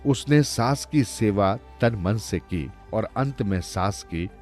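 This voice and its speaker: Male narrator, cartoon moral stories, low voice, lively pitch, faint music behind. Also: takes it slowly. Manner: expressive, storytelling. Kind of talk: scripted storytelling narration.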